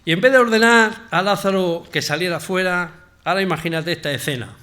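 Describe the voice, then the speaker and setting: Animated Spanish male preacher. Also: sits high, a little fast. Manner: animated, conversational, swings from loud emphasis to quiet asides. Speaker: pastor. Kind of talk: sermon.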